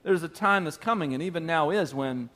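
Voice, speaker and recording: A man's voice: a little high, fairly quick, fairly bright tone, lightly acted. A man voicing a plain-spoken, reassuring Jesus while preaching a sermon. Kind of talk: sermon storytelling.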